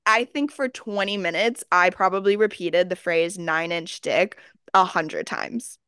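A young woman from Texas tells stories on a podcast, jumping into little acted-out quotes and leaning on fillers. Her voice is smooth and resonant, recorded close and dry. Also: on the low side, a little slow, dry recording. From Austin, Texas. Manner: animated storyteller, acts out quotes, many fillers. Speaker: podcast co-host. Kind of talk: casual chat, storytelling.

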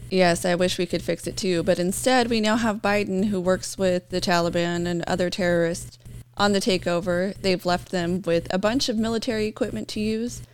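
A woman co-hosting a casual political chat, talking in an animated and often sarcastic way. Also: on the low side, normal speed, clear, resonant tone. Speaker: co-host.

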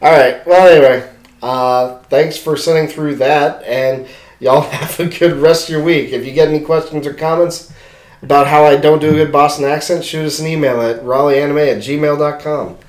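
A man's voice: a little high, fairly even intonation, moderate pace. A young man co-hosting a podcast in casual chat, rambling with lots of filler words and swearing freely. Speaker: podcast co-host. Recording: echoey room.

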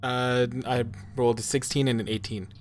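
A man's voice: mid-range voice, fairly even intonation, normal speed. A man chatting casually as a tabletop game player, blunt and slangy in how he talks. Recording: faint music behind the voice.

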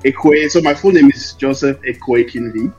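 A man's voice: mid-range voice, normal speed, warm tone, husky, faint music behind. Man, muffled interview recording. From Lomé, Togo; later Ireland. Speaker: interview guest, investor and founder. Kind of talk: conversational interview answers.

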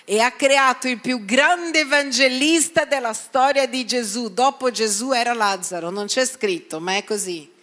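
A woman preaching a sermon in a lively way, acting out the people in her story and sometimes dropping to a hushed voice. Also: on the high side, normal speed, hardly any pauses. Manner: animated, acts out quoted voices, drops to hushed tones.

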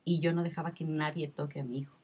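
A woman in her thirties with a low voice tells a personal story in casual conversation. Her voice is husky, and she speaks with emotion and repeats herself often. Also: flat delivery, fast talker, highs cut off. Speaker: guest sharing her experience.

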